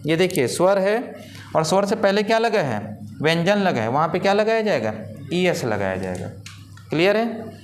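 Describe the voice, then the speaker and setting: A man's voice: high voice, a little hiss or hum. A man teaching an English grammar lesson. He asks his students questions and answers them himself. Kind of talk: classroom-style grammar lesson.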